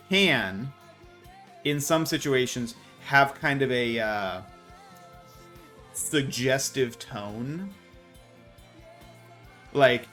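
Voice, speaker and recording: A VTuber streamer, an American man in his thirties from the United States, chats casually and animatedly with his live stream audience, often poking fun at himself. His voice is medium-pitched with a fairly bright tone.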